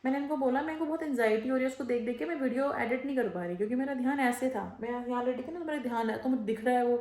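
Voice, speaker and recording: A woman vlogger tells a home story to her viewers, animated and quick to mimic the people in it. Her voice sits a little high. It is recorded on a handheld phone in an echoey room. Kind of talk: casual storytelling vlog. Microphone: phone held in hand.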